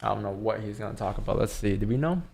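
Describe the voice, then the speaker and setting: Low-pitched, creaky-voiced man thinking aloud. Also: quick pace, darkish tone, slight background noise. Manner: informal, rambling, thinking aloud. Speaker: live trading stream host. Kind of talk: casual live market commentary.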